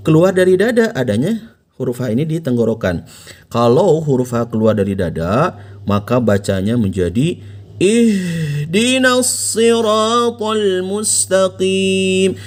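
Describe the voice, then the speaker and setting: An Indonesian man teaching Quran recitation, explaining patiently and slowing down to model each phrase for the listener to repeat. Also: fairly high pitch. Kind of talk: instructional explanation with slow demonstrations.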